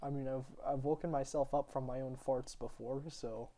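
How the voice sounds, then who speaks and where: A man's voice: mid-range voice, steady tone, normal speed, background noise. A young man hosting a casual podcast chat with friends, joking loosely and swearing often. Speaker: podcast host.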